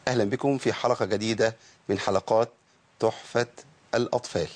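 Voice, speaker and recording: A man with an Egyptian accent teaching Quranic recitation rules, explaining casually and chanting verse text slowly. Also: lowish voice, steady tone. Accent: Egyptian Arabic. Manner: switches between colloquial explanation and slow melodic chanting.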